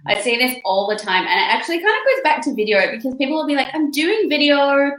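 A woman hosting a casual podcast chat, upbeat and quick to agree, acting out quotes as she talks. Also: high voice, a bit bright. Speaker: podcast host. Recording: roomy echo.

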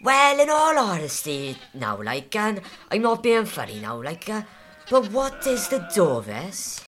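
A woman's voice: mid-range voice, sing-song, a little slow, music in the background. A woman voicing a simple, long-winded male farmhand who rambles hesitantly through endless fillers.

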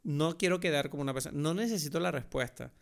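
Fast-talking man with a Spain Spanish accent. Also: a little high, creaky. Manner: quick, emphatic, swears casually. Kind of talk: casual film chat.

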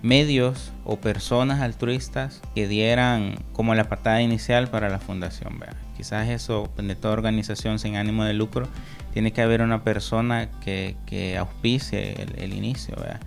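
A man's voice: lowish voice, steady tone, normal speed, gravelly, faint music behind. A man, a foundation representative answering radio interview questions with many hesitant fillers. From El Salvador.

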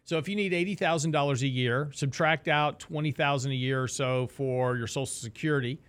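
A man's voice: mid-range voice, brisk, a bit bright, smooth. A middle-aged man hosting a casual financial talk show, explaining with rhetorical questions and asides. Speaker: radio show host.

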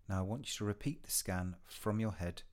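A man leading a guided mindfulness meditation in a soft, hushed, soothing delivery, with gentle short phrases and long pauses between them. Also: on the low side. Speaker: meditation guide and podcast host.

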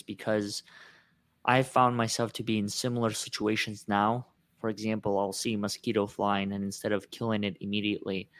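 Man, reflective questioning tone, lowish voice, dry sound. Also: no room sound. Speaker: discussion participant. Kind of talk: casual discussion.

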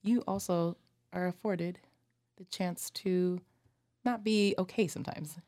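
Low-voiced affirming woman host. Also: steady tone, measured pace, dry recording, studio quality. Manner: warm, affirming, frequent soft back-channel sounds. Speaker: podcast host. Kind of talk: supportive interview talk.

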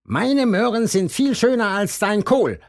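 A man voicing a boastful, quarrelsome male rabbit gardener in a storybook reading, in a raised, excited voice. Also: unhurried. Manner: bragging, high and excited.

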